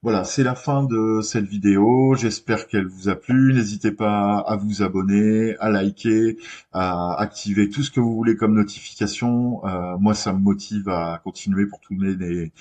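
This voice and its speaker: A man hosting a screen-recorded web tutorial, talking in a relaxed way with many hesitations and restarts. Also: fairly low pitch, normal speed.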